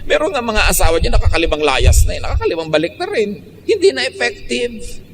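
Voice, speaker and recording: Emphatic Filipino preacher in a hall. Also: male voice, sits high, wildly swooping pitch, fast talker, slight background noise. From Philippines. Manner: switches between Tagalog and English, emphatic and teasing. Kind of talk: sermon.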